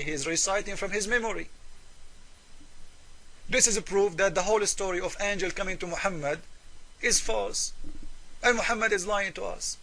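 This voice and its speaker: This low-quality recording features a religious debater and presenter whose voice is high and bright. His argumentative, polemical commentary in English is emphatic and repetitive, full of rhetorical questions, and his non-native grammar is irregular.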